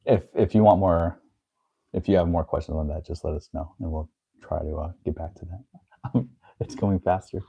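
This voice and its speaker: A man's voice: low voice, fairly even intonation, moderate pace, gravelly, dark tone, slightly rough, lo-fi sound. A man co-hosting a live stream, reading viewer questions aloud and laughing a lot. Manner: reads chat comments aloud, laughs a lot. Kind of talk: casual live-stream chat.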